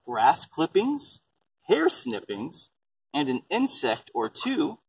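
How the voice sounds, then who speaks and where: A man with a slightly high, gravelly, husky voice reads a picture book slowly, his pitch swooping wildly, with no echo. He chats in simple terms about composting and asks a young child questions, like a parent. The recording comes from a distant microphone with a little background noise.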